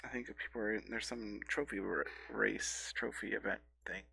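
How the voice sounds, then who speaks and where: Sick with a cold, a man in his thirties streams himself playing cards, his voice scratchy and stuffy as he mulls moves aloud, fumbling with fillers and correcting himself. The voice is fairly low, husky, bright and forceful with vocal fry, at a normal speed.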